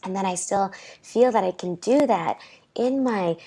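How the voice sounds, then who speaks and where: A woman's voice: medium pitch, measured pace, warm tone, breathy edge. A young woman guest in a casual interview, talking with her hands and rambling through lots of fillers on a clip-on mic. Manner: rambling, many "like" and "you know what I mean" fillers.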